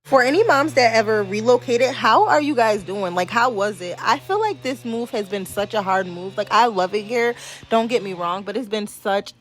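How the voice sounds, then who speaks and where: A woman's voice: mid-range voice, moderate pace. A young American woman giving a casual vlog voiceover, informal, slangy and confiding in how she talks. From New Jersey and New York, USA. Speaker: vlogger. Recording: music playing behind the voice. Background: background music.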